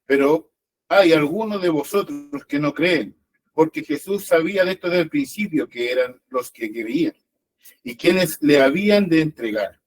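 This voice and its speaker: A man from the congregation reading Bible verses aloud in a steady way. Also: on the high side, moderate pace, low-quality recording. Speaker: congregation member reading scripture.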